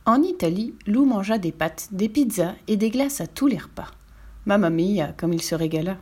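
A woman reading a children's storybook aloud as the narrator, in a lively, expressive way. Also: medium pitch, moderate pace, slightly rough.

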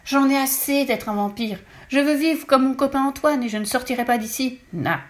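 A woman's voice: mid-range voice, a little fast, natural voice. A woman voicing a young vampire boy who talks plainly and digs in his heels. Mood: defiant.

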